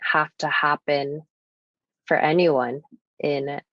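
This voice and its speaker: Slow and fairly even in intonation, a low female voice carries this reflective personal conversation. The speaker is a young American woman with Japanese as her first language, appearing as an earnest, thoughtful podcast guest who uses many casual fillers. No echo is present, and the recording sounds dull and lo-fi.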